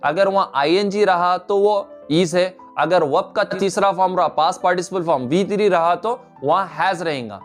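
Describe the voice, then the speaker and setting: A man with a fairly high voice teaches an English lesson. He walks through each point step by step and slowly repeats the example phrases. Soft music plays faintly behind him.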